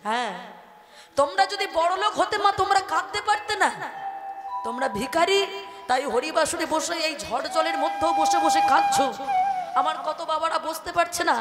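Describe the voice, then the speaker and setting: A woman's voice: very high-pitched, normal speed. A woman kirtan singer telling a devotional story as an emotional sermon, addressing her listeners directly. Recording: echoey hall with music.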